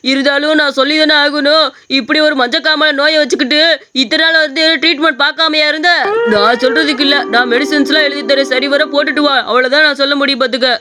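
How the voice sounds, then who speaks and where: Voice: sits high, steady tone, fast talker, bright, forceful tone. A performer voicing a male doctor in a cartoon story, blunt and matter-of-fact.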